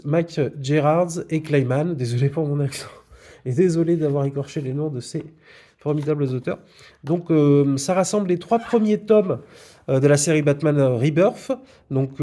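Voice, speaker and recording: In a casual video, a man walks through the comic books he recently bought, often pausing and leaning on filler words. His voice is mellow and slightly high.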